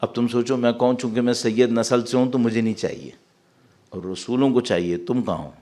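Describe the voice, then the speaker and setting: This male preacher has a warm, mid-range voice. Speaking Urdu sprinkled with English words, he delivers a Muharram sermon to a congregation in a big mosque hall, reciting verses and asking the audience questions.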